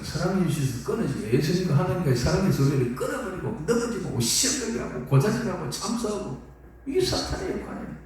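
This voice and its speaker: A man preaching a sermon in a church, animated and dramatic. He acts out biblical characters and leads the congregation in reading aloud together. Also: fairly high pitch. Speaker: pastor. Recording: echoey church hall from far off.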